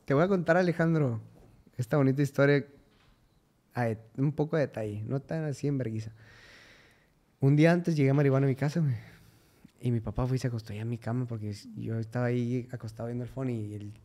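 A man's voice: medium pitch, fast, dark tone. A young man with a Mexican accent, a guest talking casually and crudely, full of slang fillers. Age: young adult. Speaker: guest musician. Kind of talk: casual interview chat.

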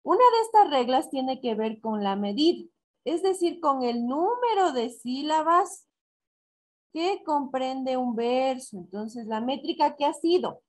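Slow, deliberate woman teacher. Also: high voice, animated. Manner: slow and deliberate, counting syllables aloud and asking herself questions. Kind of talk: recorded online class. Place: school in Ecuador.

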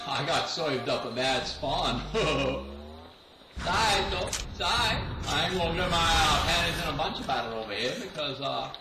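A man's voice: on the high side, expressive, moderate pace. A man voicing a brash, trash-talking New York tough guy while playing a video game, with a put-on New York accent, laughing and mocking his rivals. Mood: gloating. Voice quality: laughs a lot, calls rivals mooks and goombas. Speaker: gamer. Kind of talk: trash talk over game voice chat. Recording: echoey, distant mic, clear noise.

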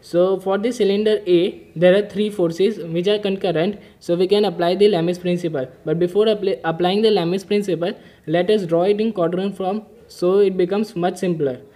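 A man's voice: high voice, fairly even intonation, moderate pace, mellow. A man explaining an engineering mechanics problem step by step while drawing diagrams, methodical and patient. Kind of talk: whiteboard-style problem-solving lesson.

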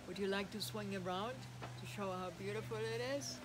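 A woman's voice: mid-range voice, steady tone, normal speed, very noisy. A middle-aged woman chatting casually in an outdoor vlog, recorded on a phone at arm's length. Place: outdoors in gardens and vineyards.

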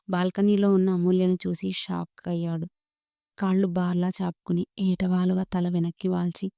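Woman narrating with a flat, low voice. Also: creaky, no room sound, studio quality. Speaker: storyteller. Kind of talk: scripted story narration.

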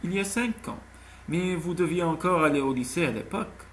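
A man's voice: a little high, lively intonation, a little fast, a bit bright, a little hiss or hum. A man voicing a proud, anxious young single mother in an audiobook, speaking earnestly. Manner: earnest, tense, pleading. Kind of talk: audiobook character voice.

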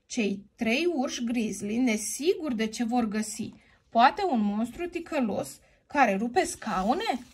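Lively, sing-song woman reading a children's story. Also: a little high, husky. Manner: expressive, sing-song, playfully addressing the heroine.

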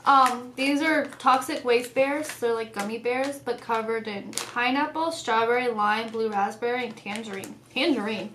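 High-voiced young woman in an echoey room. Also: steady tone, moderate pace, hardly any pauses. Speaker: vlog co-host. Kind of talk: casual chat. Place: indoor home dining room. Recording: echoey room with faint noise.

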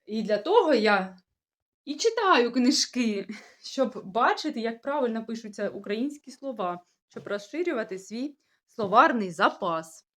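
A woman's voice: fairly high pitch, sing-song, unhurried, a bit bright. Chatty woman vlogger with a sore throat. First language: Russian. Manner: chatty, puzzled, rambling with restarts. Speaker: village-life vlogger. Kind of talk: casual talk to camera.

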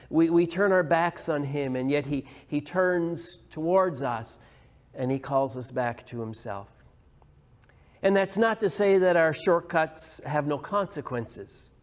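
A male pastor preaching a sermon, retelling a story earnestly with small restarts. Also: on the high side. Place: church hall. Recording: long hall reverb.

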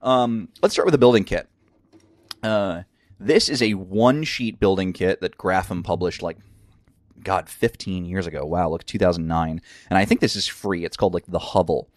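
A man's voice: deep voice, moderate pace, no room sound, studio quality. A man with a scratchy voice hosting a casual crafting tutorial, enthusiastic and rambling with lots of fillers, from a craft room at home. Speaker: crafting channel host.

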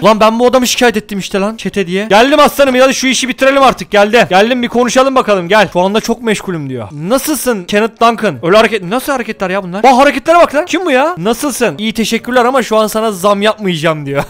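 A young man commenting on a game he is playing, excitable and teasing, playfully swearing at the characters. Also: high-pitched. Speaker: gaming YouTuber.

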